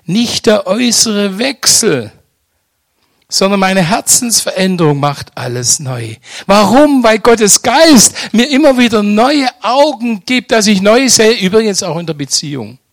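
An older man preaching a sermon, swinging between loud emphatic exclamations and soft hushed lines, often asking the congregation direct questions. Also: high-pitched, very animated, measured pace, no room sound, clean studio sound.

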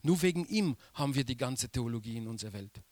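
A man preaching a sermon slowly and emphatically, repeating key phrases for weight. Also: medium pitch, lively intonation, darkish tone, dry recording.

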